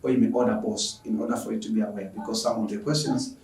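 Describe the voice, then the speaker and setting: A man's voice: fairly low pitch, steady tone, quick pace, a little mellow. A man from Tanzania, a math teacher, earnestly closing an online lesson and asking viewers for donations. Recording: echoey room, noisy from far off.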